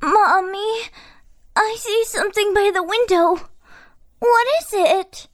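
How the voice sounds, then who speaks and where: A woman's voice: extremely high pitch, voice pushed up. A woman doing a sick little girl. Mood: curious. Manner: slow, childlike.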